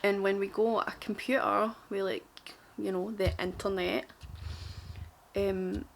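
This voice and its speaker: A woman's voice: mid-range voice, fairly even intonation, slow. Broad Glaswegian woman, crackly voice. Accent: strong Glaswegian Scottish. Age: young adult. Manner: self-deprecating, informal, rambling storytelling. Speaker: beauty vlogger. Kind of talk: casual chatty makeup tutorial to camera.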